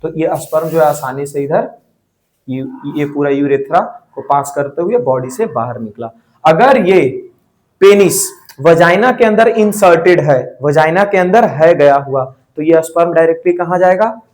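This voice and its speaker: A male teacher runs a biology lesson in a slightly high voice. He mixes English terms into Hindi, throws questions at the class and answers them himself, checking in with frequent "theek hai"s. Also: moderate pace, darkish tone.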